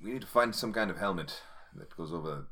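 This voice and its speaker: A man's voice: sits low, expressive, fast talker, fairly bright tone. A man playing a tabletop game, hesitant and self-mocking, chuckling. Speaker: player. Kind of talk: casual tabletop game chat.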